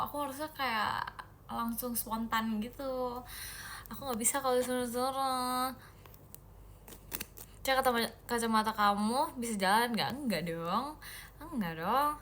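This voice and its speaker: Young woman, idol livestream host, casual comment-reading chat, playful and giggly, slightly high voice. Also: normal speed, a bit bright, slight background noise. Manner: playful and giggly, with many fillers.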